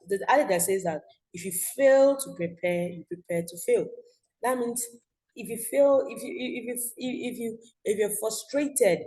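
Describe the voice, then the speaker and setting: A woman's voice: medium pitch, darkish tone, poor audio. A young Nigerian woman teaching an online school class, chatty, often checking "you understand?".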